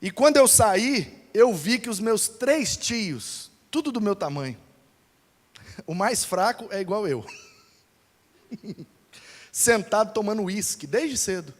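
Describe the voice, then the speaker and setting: A pastor telling a lively personal story in a sermon, acting out the people in it. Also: male voice, high-pitched, slow pace, pauses often. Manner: animated, acts out voices in his story. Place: church hall. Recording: long hall reverb.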